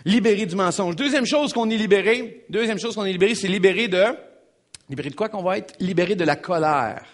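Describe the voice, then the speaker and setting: A man preaching a sermon with a Québécois French accent, emphatic and animated, repeating phrases and addressing the congregation directly. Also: high-pitched, fairly quick. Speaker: pastor.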